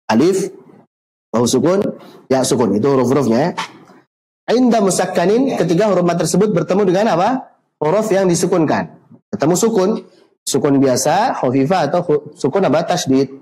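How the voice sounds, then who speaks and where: Guy teaching tajwid online, kinda high voice, stretches out the recited words. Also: dark tone, poor audio. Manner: asks questions and answers them himself, drawn-out chanted examples.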